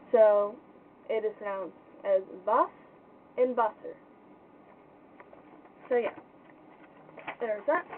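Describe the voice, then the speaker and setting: A young woman with a fairly high voice gives an informal pronunciation lesson. She speaks casually and haltingly, often thinking aloud and sounding unsure. The sound is thin and phone-like, with faint noise behind her. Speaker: language tutor.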